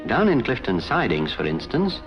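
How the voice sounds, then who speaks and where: A man's voice: mid-range voice, huge pitch swings, normal speed. A man narrating a scripted 1950s documentary as a railway official, in a conversational, wry storytelling way. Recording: dull 1950s film soundtrack with music.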